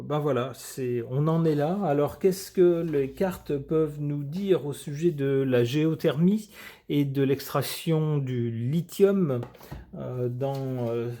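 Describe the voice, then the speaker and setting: A man reads a news piece aloud and comments on it as a tarot reader, often hesitating with filler sounds. His voice sits a little high but sounds mellow and dark. He adds dry, ironic asides between the quoted lines. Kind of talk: reading a news article and commenting.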